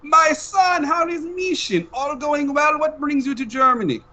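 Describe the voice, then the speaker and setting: A doting old spy papa. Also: male voice, very high-pitched, unhurried, sharp tone, voice pushed up, exaggerated voice. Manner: broken-English, fond, bossy. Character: doting older male spy father with an accent.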